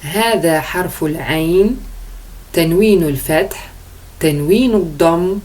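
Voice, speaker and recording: A woman teaching Arabic letters slowly, sounding out each vowel and explaining in French. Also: on the low side, darkish tone. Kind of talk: slow letter-by-letter pronunciation lesson.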